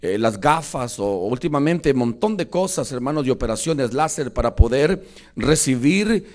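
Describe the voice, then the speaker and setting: A man preaching a sermon as pastor in a church, impassioned and often loud, constantly addressing the congregation as brothers and pausing with hesitations. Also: medium pitch, expressive. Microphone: church microphone with a loose cable.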